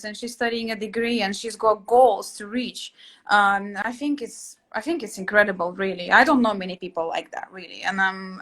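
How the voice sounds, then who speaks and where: A woman's voice: medium pitch, fairly bright tone. Young woman from Latvia chatting on a video call. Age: 20s. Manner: chatty, hesitant, many fillers and restarts. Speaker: host, interior sketching teacher. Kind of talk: casual video-call chat. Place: small room at home, indoors. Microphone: laptop webcam on a video call.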